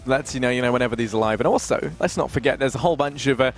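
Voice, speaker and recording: Quick-talking male esports analyst. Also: medium pitch. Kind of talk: casual broadcast analysis chat.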